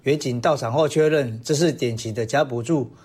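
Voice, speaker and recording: A male police chief delivers a prepared official statement in Taiwanese-accented Mandarin. His voice is husky and of average pitch. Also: fairly quick, a little mellow.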